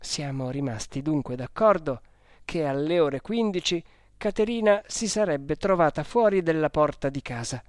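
An audiobook narrator reading a children's novel in a measured, even storytelling manner. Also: mid-range voice, no room sound, studio quality. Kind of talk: scripted narration.

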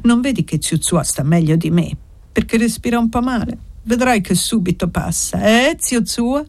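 A woman's voice: mid-range voice, normal speed, vocal fry, a little mellow, breathy edge. A woman reading aloud and voicing a young male servant who talks in an insistent, pleading way. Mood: coaxing.

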